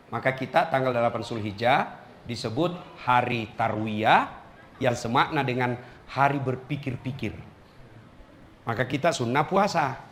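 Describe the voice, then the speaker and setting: A man's voice: mid-range voice, a little slow, fairly bright tone, slight background noise. A middle-aged man giving a humorous sermon, telling stories with animation and joking with his audience. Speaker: preacher.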